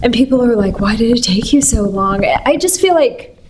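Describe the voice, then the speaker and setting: A woman's voice: a little high, expressive, moderate pace, background noise. A woman from San Francisco, a stage artist, being interviewed and speaking in a chatty, rambling way with many fillers. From San Francisco, United States. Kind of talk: casual interview.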